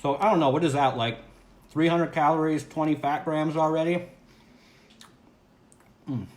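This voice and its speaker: A man's voice: on the high side, steady tone, moderate pace. A man hosting a casual home livestream, talking upbeat and chatty while he tries food, often restarting his sentences. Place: at home, indoors. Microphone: camera or phone mic on a livestream. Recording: echoey room with faint background ambience.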